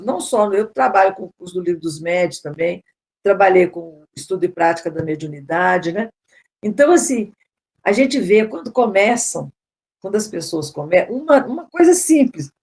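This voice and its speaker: A woman's voice: mid-range voice, darkish tone. A Brazilian woman speaking at a spiritual seminar, informal and conversational, often repeating words and tagging on "né?". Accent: Brazilian Portuguese.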